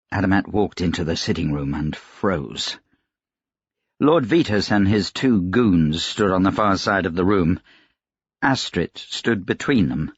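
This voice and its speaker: A man narrating a fantasy audiobook in an even, measured storytelling voice. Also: low voice, slightly rough, no echo, highs cut off. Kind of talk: scripted narration.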